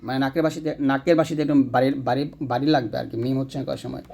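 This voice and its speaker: A man's voice: medium pitch, steady tone, rapid-fire, darkish tone. A man teaching Quran letter pronunciation step by step, demonstrating each sound and checking in with his students. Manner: corrects his own slips mid-sentence. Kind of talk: spoken lesson on letter pronunciation.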